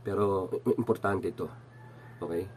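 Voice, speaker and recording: A man's voice: sits low, measured pace, a little mellow, husky. Nasal middle-aged man telling a story. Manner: rambling, with many fillers and restarts. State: has a cold. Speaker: channel host. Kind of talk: casual personal storytelling.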